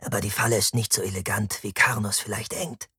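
Guy reading as a calm picky tactician, measured, husky low voice. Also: no echo, studio quality, full character voice. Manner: measured, precise. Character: pedantic careful young male tactician, calm.

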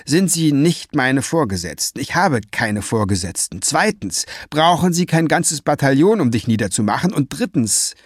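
A man's voice: mid-range voice, big pitch swings, normal speed, hardly any pauses, breathy edge, dry recording, clean studio sound. A man reading aloud and voicing a confident, defiant young heroine.

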